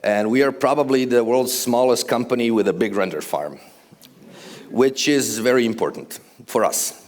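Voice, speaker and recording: A man from Croatia, giving a casual, conversational conference presentation with fillers and dry humor on stage before a large audience. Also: on the low side. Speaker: conference speaker, architectural visualization studio co-owner.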